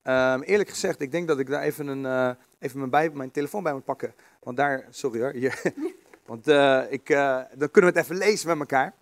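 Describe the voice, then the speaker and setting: A man giving a relaxed, conversational sermon with many fillers and restarts, reading scripture aloud. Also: mid-range voice, a little fast, dry recording. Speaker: preacher. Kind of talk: informal sermon.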